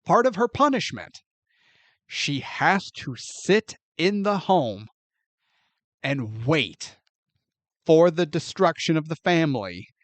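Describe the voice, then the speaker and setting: A man co-hosting a podcast, recapping a film plot in an animated, profane, incredulous way. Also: high-pitched, dry recording. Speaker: podcast co-host. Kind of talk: casual movie review chat.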